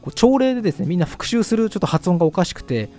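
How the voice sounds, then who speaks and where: A man whose first language is Japanese hosts a casual Chinese language course, explaining things in a chatty monologue full of fillers and polite asides. He talks fast in a high voice with big pitch swings, a little mellow, over soft background music.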